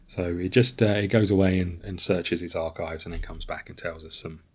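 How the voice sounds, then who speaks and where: Low male voice, relaxed host of a solo board game playthrough who reads the rules and thinks aloud. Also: moderate pace, breathy edge. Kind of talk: casual tabletop playthrough.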